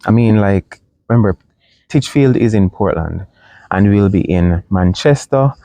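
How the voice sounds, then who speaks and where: A young man, reserved and halting, co-hosting a casual chat and recalling his schooling. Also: lowish voice, expressive, gravelly, mellow, no echo. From Jamaica. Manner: reserved, halting with many ums. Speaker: co-host of a couple's channel.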